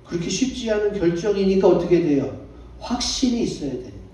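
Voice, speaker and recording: Pastor preaching in an echoey church. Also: male voice, high-pitched, sing-song, fast, mellow. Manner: asks the congregation questions and answers them himself. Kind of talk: sermon. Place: church sanctuary. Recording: echoey church hall, distant mic.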